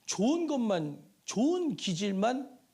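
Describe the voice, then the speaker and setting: A male pastor delivering a sermon in a church, his voice sitting high and swinging widely in pitch. He preaches in a loose, chatty way and keeps turning to the congregation with rhetorical questions. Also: unhurried. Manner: lively and conversational, with rhetorical questions and asides to the congregation. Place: church sanctuary.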